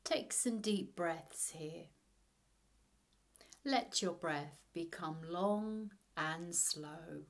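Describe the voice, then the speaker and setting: Woman, slow pace, hushed delivery, long pauses, guided meditation, sleep story narrator manner. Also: lowish voice, vocal fry.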